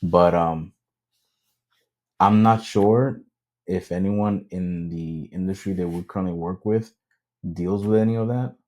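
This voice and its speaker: A man co-hosts a casual podcast chat, speaking hesitantly with lots of ums and slipping into Spanish now and then. His voice sits low and is a little mellow, a little slow, with frequent pauses.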